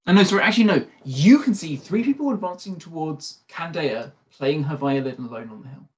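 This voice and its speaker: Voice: mid-range voice, animated, a little fast. A casual game master narrates a tabletop role-playing session. They lean on fillers like "like" and "um" and often correct themselves in mid-sentence. The delivery is loose and conversational. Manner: chatty, lots of fillers and self-corrections.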